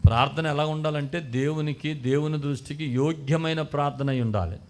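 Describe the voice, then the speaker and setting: Pastor, male, high-pitched voice, emphatic call-and-response preaching. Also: a little fast. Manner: call-and-response preaching, mimics prayers, rising emphatic bursts. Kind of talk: sermon.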